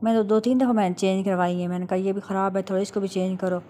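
A woman's voice: medium pitch, little pitch movement, quick pace, warm tone, a little hiss or hum. A middle-aged woman from Pakistan with a Punjabi-tinged Urdu accent, chatting casually in a vlog voice-over. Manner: chatty, matter-of-fact, recounting haggling. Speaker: vlogger.

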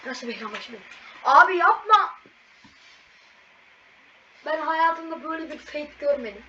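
A woman commentating a video game as she plays, excitable and exclaiming at every fail and win. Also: high voice, normal speed. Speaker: gaming channel host. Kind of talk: live gameplay commentary. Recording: distant, muffled mic with loud background noise.

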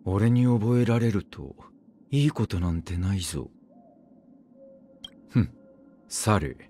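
A man's voice: animated, warm tone, a little hiss or hum. Blade, grim immortal swordsman. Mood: brooding. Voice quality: low, curt, grim. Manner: terse, clipped phrases with heavy pauses. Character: brooding immortal male swordsman, cold and weary. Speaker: game character voice lines. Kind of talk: game voice-line acting.

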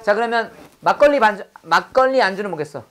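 A woman's voice: medium pitch, expressive, quick pace, fairly bright tone. A woman teaching English vocabulary in a classroom drill lecture. She repeats each word, prompts the class to echo it, and slips in corny puns. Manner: drops in corny pun jokes.

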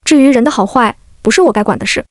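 A cool, curt young Taoist exorcist, read by a woman in a quick, fairly high voice. He speaks plainly and dryly, with no warmth, in a close, dead-sounding reading. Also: no echo, close to an everyday voice. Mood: cool blunt. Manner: curt, matter-of-fact.

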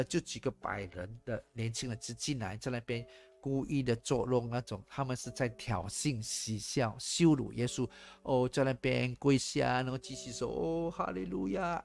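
Gravelly-voiced pastor preaching. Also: male voice, mid-range voice. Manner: animated, mixes in English phrases, rhetorical questions. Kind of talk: sermon.

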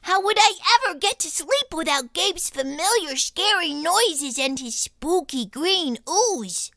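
A woman host reading a children's storybook aloud with animated, expressive delivery. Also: extremely high pitch, a little slow, no room sound, studio quality.

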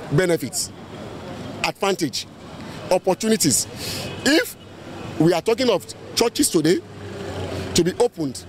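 A man with a Nigerian accent argues his view outdoors, throwing in rhetorical questions. His voice sits high, with faint street traffic behind him. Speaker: street interviewee.

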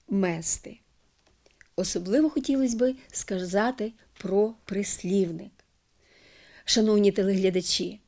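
Slow, careful woman teaching word stress. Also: mid-range voice, dark tone. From Ukraine. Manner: careful, precise, stresses words deliberately. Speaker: television language presenter. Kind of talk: scripted educational talk.

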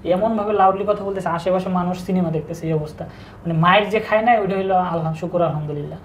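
A young man with speech, telling his own story in a halting, subdued way with frequent restarts. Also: sits high. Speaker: interview guest telling his breakup story. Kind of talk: casual personal storytelling. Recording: echoey room with faint background noise.

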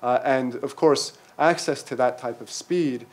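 A middle-aged man with a mid-range voice speaks on an academic conference panel in a lecture hall, using a table microphone on a stand. His speech is halting, full of fillers and restarts.

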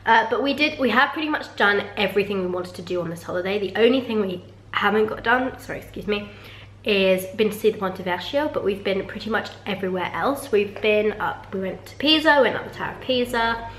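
A young woman, chatting candidly to a handheld camera in a holiday flat. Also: mid-range voice, brisk, a little hiss or hum. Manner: chatty and candid, with small restarts. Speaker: vlogger. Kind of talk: casual vlog. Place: holiday rental flat, bathroom and sitting room. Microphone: handheld camera at arm's length. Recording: echoey small rooms.

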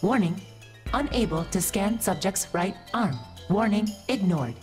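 An actress voicing an artificial female unit in a video game, a glitching robot voice giving flat machine-like status reports and error messages. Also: mid-range voice, unhurried, over music, lightly acted. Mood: mechanical. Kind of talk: video game story cutscene.

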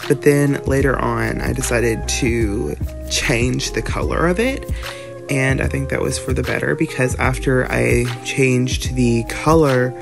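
Congested teen guy with gravelly fry. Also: mid-range voice, unhurried. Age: teens. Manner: rambling, self-mocking, laughs often. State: nasal congestion. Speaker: art vlogger. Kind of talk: casual voiceover chat. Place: bedroom, sitting in bed. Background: background music.

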